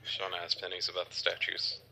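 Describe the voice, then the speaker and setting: A man's voice: low-pitched, completely flat delivery, brisk, creaky, bright, forceful tone, a little hiss or hum. A man playing a tabletop role-playing game, chatting casually and making joking asides. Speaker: player.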